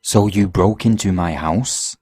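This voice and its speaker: A man voicing a calm, mocking male killer in a horror story, speaking in an unnervingly even tone. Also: low-pitched, unhurried, slightly rough, no room sound, studio quality. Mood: coldly calm.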